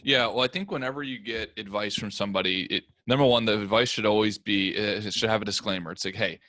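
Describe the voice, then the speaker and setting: Male podcast host, deeper voice, earnest, emphatic, casual chat. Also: fast talker, bright, forceful tone, no room sound.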